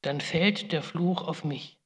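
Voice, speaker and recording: Low-pitched and slow, a woman performs as Rebekka, a biblical mother consumed by guilt, in a grave, solemn first-person lament broken by pleading outbursts. The monologue rings through a large, reverberant hall.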